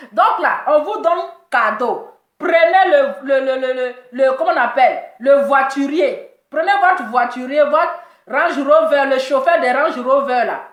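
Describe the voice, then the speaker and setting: A woman delivers a mocking gossip rant in a high, bright-pitched voice, teasing and repeating her jokes with laughter. The sound is echoey, as if recorded in a bare room. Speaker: commentator reacting to celebrity gossip.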